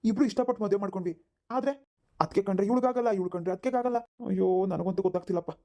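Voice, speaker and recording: A woman voicing a gentle husband who tries to calm his quarreling family in a cartoon. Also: mid-range voice, very fast, voice pushed down, close to an everyday voice. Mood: resigned. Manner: placating, hesitant. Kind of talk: cartoon voice acting.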